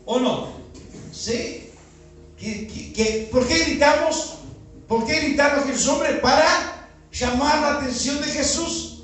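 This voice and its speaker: Taking his time and pausing often, a Uruguayan pastor with a strikingly high, slightly bright voice preaches in Uruguayan Spanish at an outdoor neighborhood gathering, asking the congregation one question after another. The heavily echoing audio comes from far off the mic, with faint music in the background.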